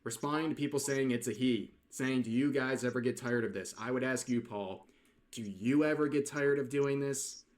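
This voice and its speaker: A man's voice: mid-range voice, moderate pace. A man giving critical, dismissive online video commentary and a channel outro.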